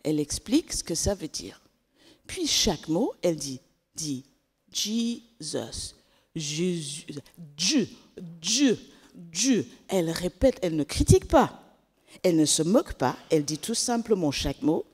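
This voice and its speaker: Animated woman telling a children's story. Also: lowish voice, normal speed, breathy edge. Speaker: children's storyteller at a church service. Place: church. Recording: echoey church hall.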